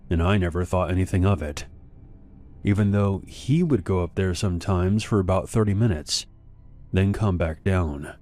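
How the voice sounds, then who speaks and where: Deep-voiced man narrating horror stories. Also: darkish tone. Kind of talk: scripted first-person narration.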